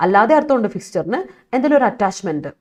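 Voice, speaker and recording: Very animated and very fast, a woman with a mid-range, darkish voice teaches English vocabulary in a live online class from Kerala. She reads students' chat out loud, mixes English words into her explanations, and laughs a lot as she answers them.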